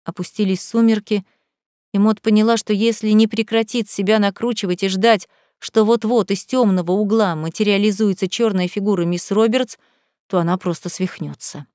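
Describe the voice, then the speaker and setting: Woman narrator, audiobook, measured storytelling, mid pitch, dry close sound. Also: fairly even intonation, a little mellow, dry recording.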